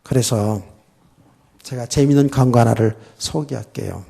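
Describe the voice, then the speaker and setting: A man's voice: medium pitch, moderate pace, creaky, dark tone, husky. A middle-aged man preaching a sermon as pastor, often putting questions to the congregation.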